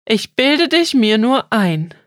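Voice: mid-range voice, sing-song, takes it slowly, fairly bright tone, dry recording, studio quality, heavily acted. A storyteller voicing a frightened, lost young boy who asks panicked questions in a raised, strained voice.

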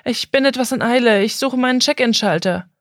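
A woman voicing a flustered, hurried woman traveler who talks anxiously and apologetically, on a dry studio recording. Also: a little high, dry recording, pitched above the performer's own voice, natural voice.

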